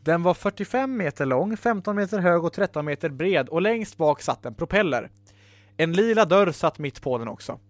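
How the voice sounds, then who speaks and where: A man's voice: sits high, lively intonation, no room sound. A man reading a story he wrote aloud, laughing now and then at his own lines.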